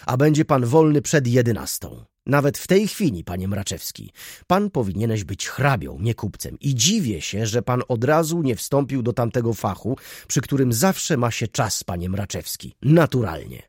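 A man's voice: mid-range voice, very animated, normal speed, darkish tone, slightly rough, dry recording, clean studio sound. A man voicing an irritable older male shop manager in a storybook reading. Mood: exasperated.

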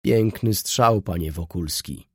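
A man reading an audiobook, voicing a vain, flustered baron who talks in a shrill, blustering way. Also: slow pace, breathy edge, no echo, studio quality, heavily acted. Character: flustered vain middle-aged male baron, shrill when hurt.

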